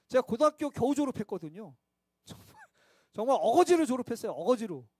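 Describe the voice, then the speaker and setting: A man's voice: extremely high pitch, a little mellow, no room sound. A man preaching a sermon as pastor at a midweek church service, conversational and self-mocking, asking his listeners rhetorical questions.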